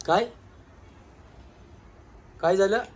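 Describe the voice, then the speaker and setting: A man's voice: high-pitched, extremely slow, a crowd in the background. Teasing father in family chat. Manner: teasing, joking.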